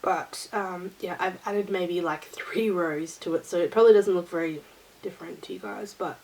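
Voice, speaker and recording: A woman's voice: fairly low pitch, moderate pace, darkish tone, low-quality recording. A woman hosting her own knitting vlog, talking to camera in a rambling, easygoing chat. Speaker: knitting vlogger.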